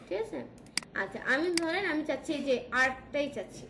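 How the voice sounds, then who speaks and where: Her voice is high, expressive and a little fast as this design tutor, speaking with a Bangladeshi Bengali accent, leads a software class. She checks in frequently by questioning students, and the recording picks up room echo and background noise.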